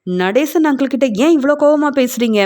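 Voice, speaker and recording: A woman voicing a gentle young daughter-in-law who pleads softly for calm. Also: high-pitched, fairly quick, voice pushed up. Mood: pleading. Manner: soft, pleading.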